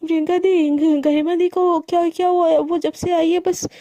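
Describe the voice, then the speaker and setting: A woman's voice: extremely high pitch, level tone, normal speed, dark tone, no echo. A woman voicing a worried younger sister who urgently begs to know what is wrong. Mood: anxious. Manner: anxious, urgent.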